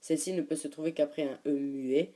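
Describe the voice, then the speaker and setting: A woman with a low, very mellow and dark voice presents a class talk. She reads from her notes and pauses often with fillers. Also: steady tone. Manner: hesitant, many filler pauses. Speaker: student presenter. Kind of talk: read-aloud class presentation.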